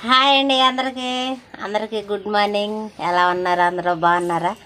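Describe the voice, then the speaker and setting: A woman's voice: medium pitch, a little fast, sharp tone, slight background noise. A woman greeting her viewers and chatting with her child in a casual family vlog. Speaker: vlogger. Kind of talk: casual home vlog chat.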